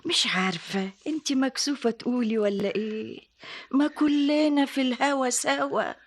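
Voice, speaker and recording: A woman's voice: high-pitched, normal speed. An actress playing a seasoned female cellmate who is matter-of-fact and prying, with an Egyptian Arabic accent.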